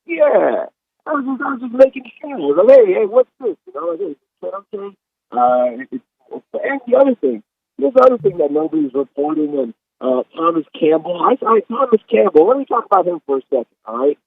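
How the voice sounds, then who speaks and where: A man's voice: high voice, a little fast, husky, no room sound, full character voice. A man calling in and playing a brash, defensive male monkey, heard over a distorted, fuzzy phone line with the phone held too close. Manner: defensive, rambling, excitable. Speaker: caller.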